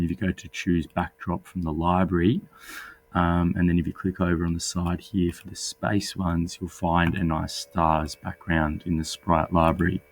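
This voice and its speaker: A man, husky and under the weather, patiently explaining a coding tutorial step by step as a teacher. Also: sits low, slight background noise. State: sick with a cold. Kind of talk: screen-recorded coding tutorial.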